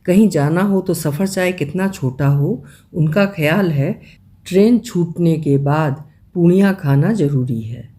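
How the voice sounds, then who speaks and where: A woman reading a story aloud in a gentle, measured way. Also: sits low. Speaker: story reader.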